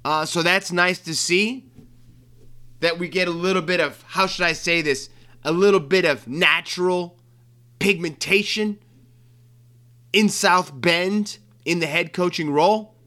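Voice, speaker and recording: This sports talk host speaks in a high, sharp voice and takes his time. His monologue is casual and joking, wandering over players and coaches with plenty of ums and false starts.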